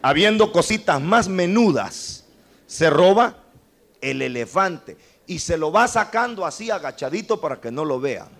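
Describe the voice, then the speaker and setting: A man's voice: lively intonation, measured pace, a bit bright. A man preaching a sermon, impassioned, speaking directly to the congregation as brother and breaking into humorous asides. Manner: impassioned, with sudden leaps to high cries and humorous asides.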